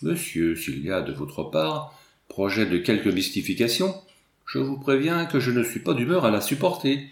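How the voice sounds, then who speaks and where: A man's voice: medium pitch, very animated, moderate pace, creaky. Reserved young painter read by a man, polite and wary, echoey room. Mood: stern. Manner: polite, guarded.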